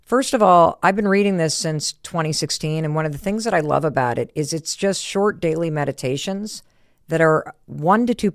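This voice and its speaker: Female podcast host, casual and sincere delivery, gravelly texture, dead-dry recording. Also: on the low side, no echo. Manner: earnest and heartfelt.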